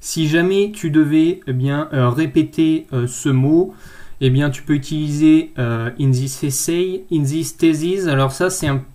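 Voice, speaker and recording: A man's voice: a little high, a little slow, mellow. A man working as a nursing thesis tutor, correcting a student's abstract in an informal screen-share tutorial. He speaks directly to the viewer and hesitates often.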